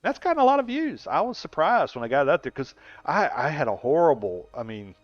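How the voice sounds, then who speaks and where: A man in his sixties chats casually on a gaming live stream, rambling and laughing a lot as he answers viewers. His voice sits on the high side and is very animated and brisk. The stream audio is dull and lo-fi, with no room sound.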